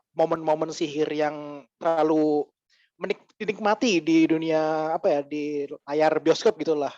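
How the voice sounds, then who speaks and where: Male guest, fairly high voice, animated and ranting, dry muffled sound. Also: dry recording. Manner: animated, ranting with quick asides. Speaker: podcast guest. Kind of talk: casual chat.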